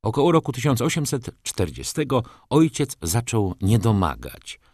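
A man narrating a literary audiobook in a measured storytelling manner. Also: medium pitch, sing-song, a little mellow, no room sound, clean studio sound.

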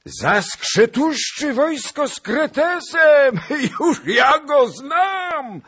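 A man's voice: very high-pitched, very animated, extremely slow, a bit bright, pitched above the performer's own voice, full character voice. A man voicing a boisterous, jovial old nobleman who bellows his lines with laughter. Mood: roaring merriment.

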